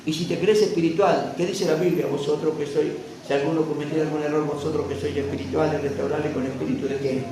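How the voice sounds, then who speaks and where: A man preaching a fervent sermon as pastor, rising to loud proclamation. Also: fairly high pitch, fairly even intonation, fast talker, few pauses, background noise. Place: church hall. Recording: echoey church sound from a distant mic.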